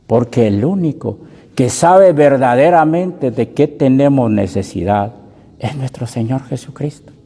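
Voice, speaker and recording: A male preacher gives a sermon. He calls his listeners brother and sister and reads scripture slowly, with emphasis. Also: sits high, dark tone. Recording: reverberant hall sound.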